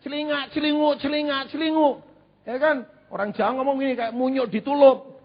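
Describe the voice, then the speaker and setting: A man preaching a sermon in an animated, humorous way, with repeated phrases. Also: very high voice, fairly quick. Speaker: pastor. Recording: dull lo-fi church recording.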